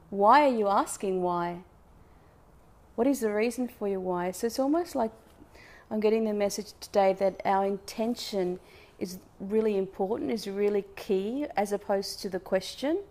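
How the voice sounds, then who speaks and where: A woman with a medium-pitched voice gives an oracle card reading in the manner of a fortune teller. She speaks to live viewers in a reflective, spiritual way, wandering between the wording of the cards and her own thoughts. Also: a little mellow. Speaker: oracle card reader hosting a live session.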